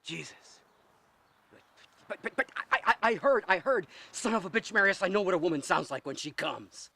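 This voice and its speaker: An actor playing a volatile film director who stammers and bursts into shouting. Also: male voice, mid-range voice, expressive, measured pace, slightly rough, full character voice. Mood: furious.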